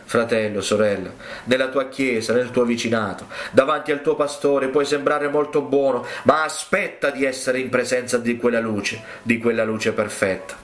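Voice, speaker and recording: A man's voice: medium pitch, fairly even intonation, moderate pace, hardly any pauses, a bit bright. A male preacher delivering a fervent, exhorting sermon to his congregation. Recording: roomy echo.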